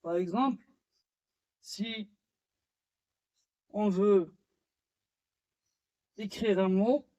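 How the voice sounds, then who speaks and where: Male language teacher, high voice, halting and unhurried delivery with many fillers. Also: darkish tone, dull audio. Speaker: French teacher. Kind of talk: slow classroom-style lesson.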